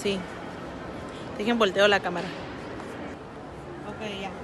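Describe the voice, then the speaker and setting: A woman in her thirties filming a family vlog on her phone, chatting straight to her viewers and gently correcting the kids along the way. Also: mid-range voice, steady tone, slow. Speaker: family vlogger. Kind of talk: casual vlog chat to viewers. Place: car at night, shopping mall, home kitchen. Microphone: phone held at arm's length. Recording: loud crowd and background noise.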